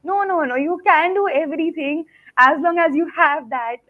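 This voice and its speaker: A woman's voice: sits high, normal speed. A woman, speaking earnestly and emphatically as a guest over a bad video call connection. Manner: earnest, emphatic, repeats "absolutely". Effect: tinny, phone-like sound over a bad video call connection. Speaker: guest, foundation founder. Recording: tinny, lo-fi video call line.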